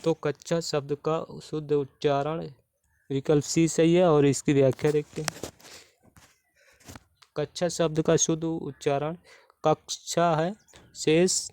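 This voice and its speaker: A man's voice: a little high, flat delivery, unhurried, warm tone, clean tone. A man teaching Hindi spelling for exam preparation, going through questions methodically and repeating each answer. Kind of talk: explaining spelling questions step by step.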